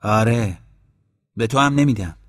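A man's voice: medium pitch, natural voice. A man voicing a stubborn, kindhearted young man in a storybook reading. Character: stubborn kindhearted young man who keeps an old dog.

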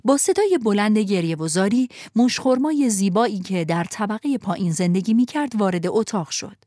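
A woman narrating a storybook in an expressive, animated way. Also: mid-range voice, no room sound, studio quality.

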